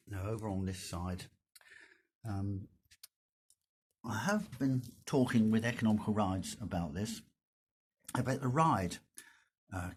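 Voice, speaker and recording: Talking at a fairly low pitch, an older motorcycle vlogger narrates an easygoing walkaround from his indoor garage. His voice is croaky as if his throat hurts, and he moves at a measured, gentle pace full of pauses and fillers.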